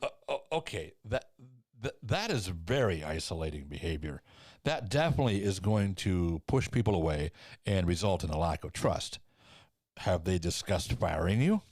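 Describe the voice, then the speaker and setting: A man's voice: low-pitched, big pitch swings, normal speed, darkish tone, dry recording, exaggerated voice. A man playing a hesitant, stammering therapist. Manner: hesitant, full of ums and stammers. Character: nervous male therapist, hesitant and awkward. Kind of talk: parody sketch.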